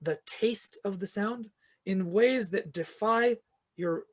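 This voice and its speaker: A man with a high voice, a fantasy author and choir conductor, answers questions as a guest on a podcast. He takes things slowly, giving long, earnest, reflective explanations that build up through restarts.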